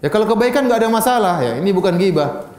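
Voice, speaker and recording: A man's voice: high voice, expressive, quick pace, a little mellow, reverberant. A man giving a casual, joking sermon and answering audience questions as a preacher. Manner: conversational, joking asides. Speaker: Islamic preacher.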